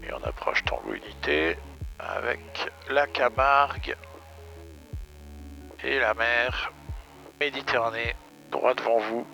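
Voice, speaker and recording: A man's voice: medium pitch, animated, slow pace, creaky, long pauses, sharp tone. A man vlogging and making radio calls as a pilot, talking over a pilot headset. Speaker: pilot and vlog host. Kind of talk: aviation vlog commentary and radio calls. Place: small aircraft cockpit. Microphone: aviation headset. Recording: dull headset audio with music behind.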